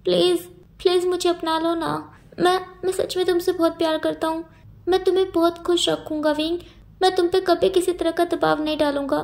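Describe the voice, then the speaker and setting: A woman's voice: sits high, fairly even intonation, moderate pace, natural voice. A woman voicing a lovesick young man in a storybook reading, pleading earnestly and tearfully.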